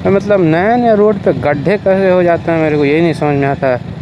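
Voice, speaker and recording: A man's voice: a little high, brisk, dull audio. A young man narrating casually while riding a motorcycle on an open road, rambling with many fillers, speaking into a mic close to his mouth. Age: young adult. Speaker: motovlogger. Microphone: helmet-mounted mic close to the mouth. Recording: loud wind and traffic noise. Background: wind, engine and passing vehicles.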